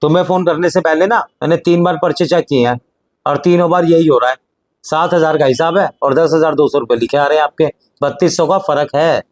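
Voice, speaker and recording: A middle-aged man acting as an elder brother and husband in a family drama, speaking in a calm, reasoning way that sometimes sinks quiet. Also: a little high, a little fast, close to an everyday voice.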